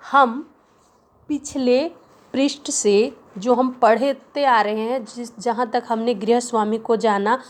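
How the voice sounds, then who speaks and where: Slow, repeating woman teacher explaining a story. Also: a little high. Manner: explains words slowly, repeating phrases and asking questions. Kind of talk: Hindi literature lesson.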